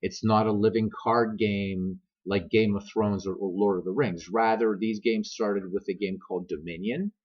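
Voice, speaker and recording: Male gaming streamer, American accent, lowish voice, rambling and self-deprecating, dull laptop-mic sound. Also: steady tone, normal speed, hardly any pauses. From grew up many years in America; also Irish. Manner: self-deprecating, joking, digressive. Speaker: streamer and gaming video host. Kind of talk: casual rambling chat to viewers.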